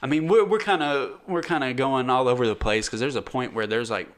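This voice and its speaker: A man's voice: medium pitch, fairly quick. Man, podcast co-host, casual movie chat, rambling, laughs a lot. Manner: rambling, trails off, laughs often.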